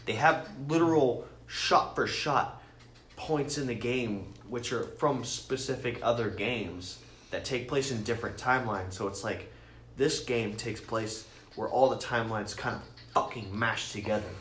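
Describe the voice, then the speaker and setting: Speaking a bit slowly with a medium-pitched, slightly bright voice, a man co-hosting a podcast rambles through geeky explanations, casual, enthusiastic, and full of swearing. The recording sounds roomy and echoey, with faint noise underneath.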